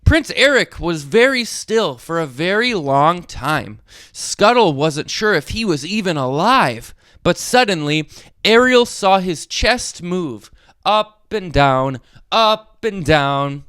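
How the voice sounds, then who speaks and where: A read-along channel host tells a story to young children in a high, clear voice, speaking slowly and addressing the little ones directly. His pitch swings widely and expressively, and the recording is dry and close with no echo. It's an animated read-aloud sprinkled with short asides.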